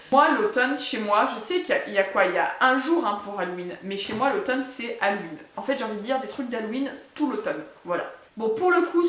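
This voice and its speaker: A woman with a fairly high voice chats casually about her reading plans, often pausing on fillers. Her voice rings a little in an echoey room. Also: a bit bright. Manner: chatty, many hesitations. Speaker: book vlogger. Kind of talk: casual book haul chat.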